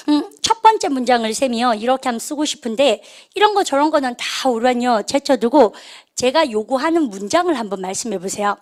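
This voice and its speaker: A woman teaching an English grammar lecture, coaxing students to repeat phrases after her and asking little tag questions. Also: high-pitched. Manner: mixes in playful tag questions.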